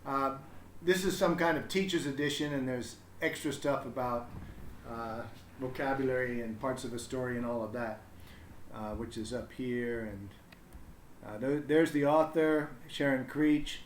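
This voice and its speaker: The speaker is a parent setting up a livestream storybook reading, chatting in a casual, hesitant way and thinking aloud as he goes. He has a mid-range voice and is unhurried. The recording has echo and background noise.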